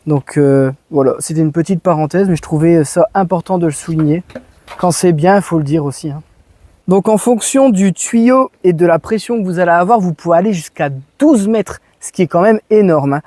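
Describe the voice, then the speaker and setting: A man from France with a fairly high, mellow voice and no echo demonstrates a product in his garden. The home and garden vlogger sounds easygoing and enthusiastic, using plenty of slang.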